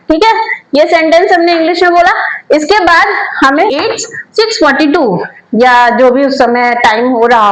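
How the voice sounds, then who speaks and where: A woman teaching a spoken English lesson, her voice sitting high. She speaks English with an Indian accent, chatting through her explanations and stretching out each example sentence slowly. The room around her is echoey. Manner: slow, drawn-out model sentences between chatty explanations. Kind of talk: classroom lesson in Hindi.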